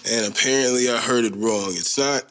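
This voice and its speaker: Fairly quick and fairly bright, a medium-pitched male voice carries this casual solo podcast. The host, a man in his thirties, rambles along in a joking, slang-heavy style.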